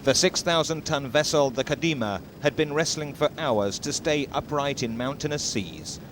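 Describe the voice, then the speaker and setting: A man narrating a news report in a crisp, clipped reporter's style, heard from a worn VHS tape copy. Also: fairly high pitch, normal speed, fairly bright tone, a little hiss or hum. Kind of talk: scripted news report voice-over.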